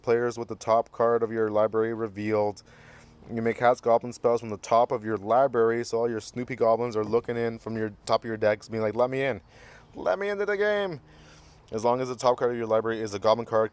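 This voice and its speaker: A man's voice: fairly low pitch, a little mellow, smooth. A man hosting a casual card game review, reading card text aloud and cracking goofy jokes. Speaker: card game channel host.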